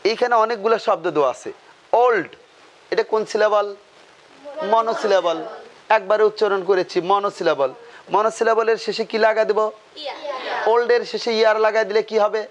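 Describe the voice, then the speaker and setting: A man's voice: sits high, a little fast, long pauses. A man teaching a grammar lesson, asking questions and answering them himself, repeating key terms.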